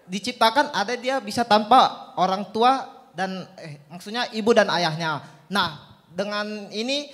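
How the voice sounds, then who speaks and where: A man's voice: high voice, unhurried, a bit bright, long reverb tail. A young man, a student, asking a doctor a question in a hesitant, polite way with nervous laughs. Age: young adult.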